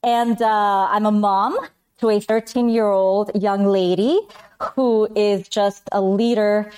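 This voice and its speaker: Woman, 40s; chatty guest, smooth clear voice, mid pitch. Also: steady tone, takes it slowly. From Colombia, raised in Miami. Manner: chatty, warm storyteller, switches into Spanish phrases. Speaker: podcast guest. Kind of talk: casual interview chat.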